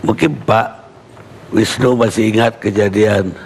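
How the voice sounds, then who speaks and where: A man's voice: on the low side, steady tone, measured pace, a little hiss or hum. Brief-questioning Indonesian male interviewer. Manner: short prompting questions. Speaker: talk show interviewer.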